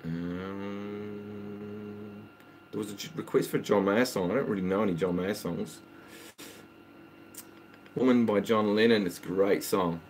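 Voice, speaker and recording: This is a male guitar instructor streaming live from home, his voice on the low side with fairly even intonation. He's unhurried, pausing often as he rambles easily through viewers' song requests between numbers. A little hiss or hum sits under the audio, along with a running water pump.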